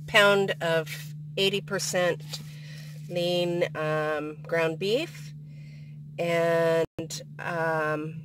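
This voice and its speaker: Slow-talking, hesitant woman vlogger. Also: on the low side, steady tone, noisy background. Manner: hesitant, lots of ums. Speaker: van life vlogger. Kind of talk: casual cooking vlog. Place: inside a van kitchen.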